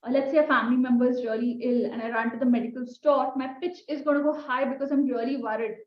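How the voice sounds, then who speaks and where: A woman's voice: high voice, steady tone, fast talker. Woman trainer in an echoey room. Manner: conversational, asks the listeners questions, demonstrates with her own voice. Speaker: communication skills trainer. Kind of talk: recorded lesson. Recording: echoey room, dull sound.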